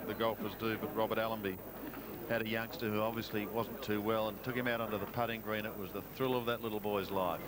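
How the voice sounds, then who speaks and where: A man with an Australian accent giving measured live golf commentary as a broadcaster calls the play. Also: lowish voice, little pitch movement. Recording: outdoor broadcast with loud ambient noise.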